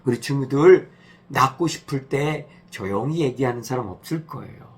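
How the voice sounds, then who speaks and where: Brief: male pastor, children's sermon, husky, lively pitch, gentle storyteller. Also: moderate pace.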